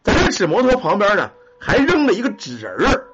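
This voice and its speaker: A man telling a ghost story in a colloquial, animated way. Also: high voice, brisk, slightly rough. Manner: colloquial, animated, swears casually. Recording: muffled lo-fi recording.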